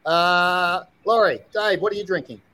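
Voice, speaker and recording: A man's voice: high-pitched, a little slow, pushed and bright. An Australian man hosting a casual live online chat show from his shed.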